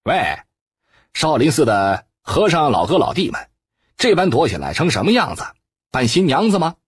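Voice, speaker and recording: A man voicing a brash, loud, jeering male martial artist in an audiobook. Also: medium pitch, wildly swooping pitch, moderate pace, breathy edge, dry recording, clean studio sound, heavily acted. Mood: mocking.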